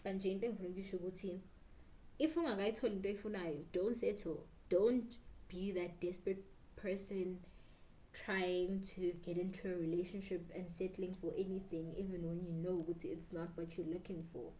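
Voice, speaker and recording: A slightly tipsy South African beauty YouTuber in her twenties rambles casually while doing her makeup in a small bedroom, switching between English and Zulu. Her voice is fairly low and dark, steady in tone and fairly quick. The audio is poor.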